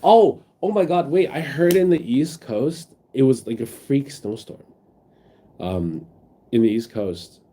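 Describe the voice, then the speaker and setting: A man's voice: medium pitch, lively intonation, unhurried, mellow, slight background noise. A sick, sniffling man streaming from his phone, rambling in casual chat with his viewers and reading their messages aloud. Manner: rambling, reads chat aloud, many fillers.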